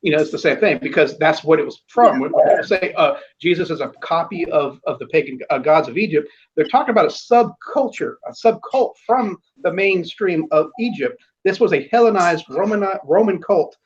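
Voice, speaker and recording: Man, guest on a talk show, rambling and blunt, higher-pitched, on dull lo-fi audio. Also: expressive, normal speed, slight background noise. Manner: rambling, many restarts and fillers; blunt, with casual swearing. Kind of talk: casual conversation.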